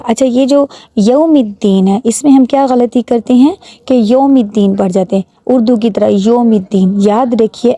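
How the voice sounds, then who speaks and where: A woman with a Pakistani Urdu accent, teaching prayer recitation, drawing out each word slowly and translating it, patiently pointing out common mistakes. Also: a little high, dark tone, dry recording. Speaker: religious teacher.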